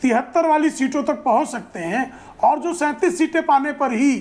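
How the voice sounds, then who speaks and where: A woman's voice: high voice, moderate pace, a little mellow, a little hiss or hum. Formal female party spokesperson. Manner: formal, listing with repeated phrases. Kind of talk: political debate argument.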